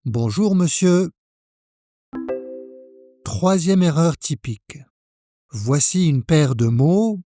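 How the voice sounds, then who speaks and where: A man from France teaching French pronunciation, speaking slowly and carefully, spelling out each sound for the learner. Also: a little high, animated, warm tone, faint music behind. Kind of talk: pronunciation lesson.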